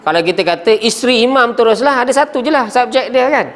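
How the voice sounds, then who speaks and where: An extremely high-pitched man with a Malaysian Malay accent teaches Arabic grammar at a quick, animated pace, his tone fairly bright. He throws frequent questions at the class, coughs, and now and then breaks off mid-word.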